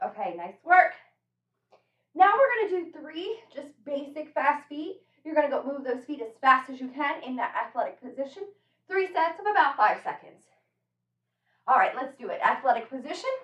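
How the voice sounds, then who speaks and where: A high-pitched woman coaches a home workout with brisk, encouraging cues. She sounds energetic as she instructs and demonstrates. The recording is echoey, picked up at some distance from the microphone.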